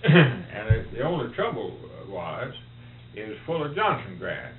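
A man's voice: medium pitch, sing-song, unhurried. A man in casual conversation, talking in plain, folksy country speech on a tinny, humming tape. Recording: roomy, tinny tape with faint hum.

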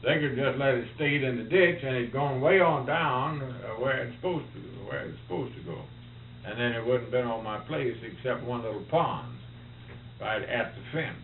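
Heard on a roomy, tinny tape with a faint hum, a man chats casually in simple, folksy country speech. His voice is mid-range and his pace moderate.

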